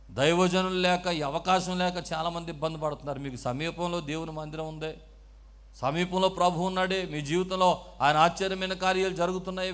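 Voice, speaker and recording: A male pastor preaching a call-and-response sermon in a church hall. His voice sits a little high for a man, and he swings from calm, quiet explaining to loud, shouted passages. He keeps pausing so the congregation can repeat his words. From South India.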